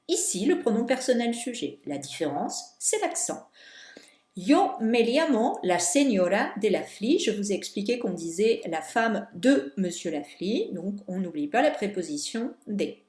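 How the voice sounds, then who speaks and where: A woman teacher correcting homework for her students, explaining step by step and slowing down on key words. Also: medium pitch, a little mellow. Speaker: Spanish teacher. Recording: echoey room.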